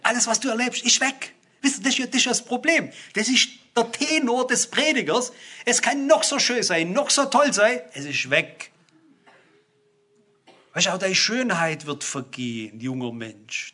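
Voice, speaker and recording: A man's voice: high voice, animated, moderate pace, pushed and bright. An older man preaching a sermon, talking straight to his listeners and rising to emphatic exclamations. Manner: emphatic, rising to exclamations, addresses the congregation directly.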